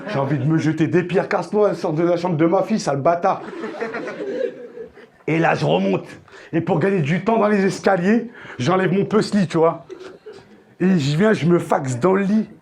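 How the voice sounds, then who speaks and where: Male stand-up comic on stage, high-pitched and gravelly, crude slang with shouted outbursts. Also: moderate pace. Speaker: stand-up comedian. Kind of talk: stand-up comedy. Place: theater stage.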